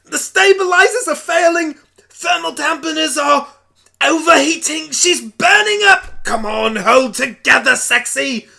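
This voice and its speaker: A performer voicing a frantic, excitable alien Doctor turned talking pony in a hobby radio play, chattering away in exclamations. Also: high-pitched, a little slow, creaky, voice pushed up, heavily acted. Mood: panicked, urgent.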